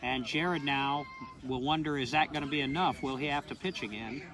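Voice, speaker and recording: A man's voice: mid-range voice, moderate pace. A man doing casual play-by-play commentary for a ballgame, chatty and counting the score aloud. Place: outdoors at a ballfield. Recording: crowd noise behind. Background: crowd.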